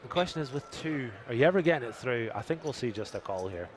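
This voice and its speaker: Poker stream co-host, male, mid-pitched, analytical and jokey with the chat. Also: expressive, fast talker. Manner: jokey, analytical, chats with viewers. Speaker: poker commentator. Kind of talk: live poker stream commentary.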